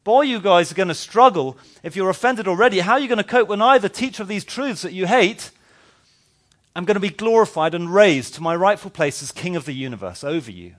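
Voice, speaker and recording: A man acting out a bold male religious teacher in a lively, exaggerated voice during a sermon. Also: high voice, a little fast, pitched above the performer's own voice. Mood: defiant. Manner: mock-apologetic one moment, brash and taunting the next.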